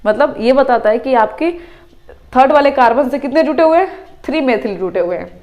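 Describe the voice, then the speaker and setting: A woman's voice: high-pitched, animated, a little fast, darkish tone. Woman teacher counting through chemistry steps. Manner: counts step by step, asks students "understand?". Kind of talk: classroom lecture explaining at a whiteboard.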